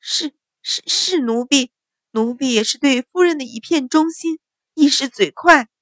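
A woman voicing a frightened young maidservant, high and pleading, stammering as she answers. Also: a little slow, gravelly, dry recording, studio quality.

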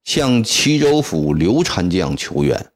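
A man's voice: deep voice, big pitch swings, takes it slowly, exaggerated voice. A man voicing a terrified middle-aged male clerk who begs for mercy in a tearful voice. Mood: pleading. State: tearful, pleading.

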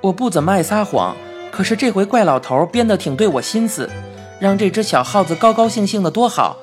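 用北京腔讲故事的女声. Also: female voice, medium pitch, brisk. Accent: Beijing. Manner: lively, humorous first-person telling. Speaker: storyteller. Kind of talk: storybook narration. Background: faint music.

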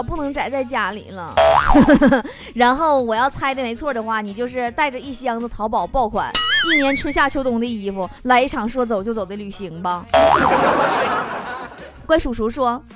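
A woman's voice: high-pitched, a little fast, hardly any pauses. A woman hosting a playful show, teasing listeners' messages and laughing often between lines. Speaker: radio-style host reading listener messages. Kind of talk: playful casual chat. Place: alone in a room recording. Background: background music.

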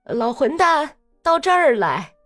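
A woman voicing a brutal male cavalry soldier who barks rough orders. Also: high voice, very animated, a little slow, a bit bright, faint music behind, pitched above the performer's own voice, exaggerated voice. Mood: harsh.

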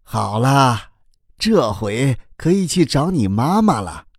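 A man doing a slow, sleepy old turtle. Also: medium pitch, big pitch swings, dry recording, studio quality, voice pushed up. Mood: cheerful. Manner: slow, drowsy and good-humored.

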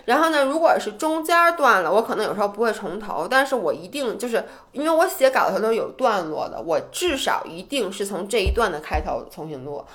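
A woman co-hosting a podcast in casual chat, animated and self-deprecating, speaking with a tinge. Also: mid-range voice, a little fast, few pauses. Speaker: podcast co-host.

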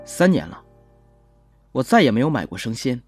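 Cast a calm young policeman narrating an audio drama, with a lively but husky voice and faint music behind. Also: mid-range voice, no room sound, clean studio sound. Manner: measured, gentle storytelling. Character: young male police officer, calm and gentle. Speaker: first-person narrator.

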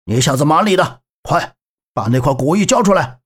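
A man's voice: a little high, lively intonation, a little fast, slightly rough. A fat gang thug who barks threats with a swaggering, up-and-down voice. A male narrator puts him on. It is an audiobook character voice. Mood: threatening. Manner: blustering, threatening. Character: fat loud thug, bullying gang underling.

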